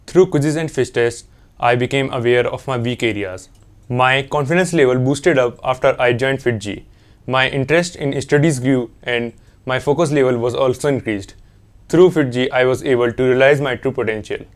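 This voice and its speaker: A young adult man speaks with an Indian accent at a medium pitch. He sounds like a student reciting a prepared testimonial, with formal, carefully worded sentences. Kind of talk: rehearsed testimonial to camera. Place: small indoor office with wood panelling.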